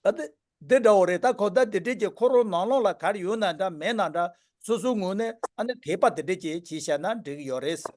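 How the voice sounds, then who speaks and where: Higher-pitched man teaching a Buddhist class. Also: animated, moderate pace, a little mellow.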